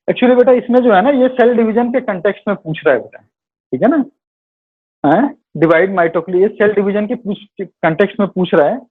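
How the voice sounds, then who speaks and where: A man's voice: sits high, a little fast. A male biology teacher in a live online class, going over quiz answers in Hindi mixed with English terms, correcting himself and calling students "beta". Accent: Hindi-English code-mixing. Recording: tinny phone-like online class audio.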